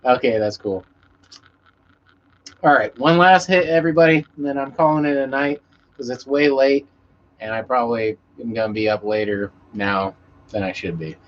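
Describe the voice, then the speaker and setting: Moderate in pace and medium in pitch, this man's voice is broken up by long pauses as he rambles casually with live-stream viewers. He's a musician who swears freely, and the recording is muffled lo-fi stream audio with background noise.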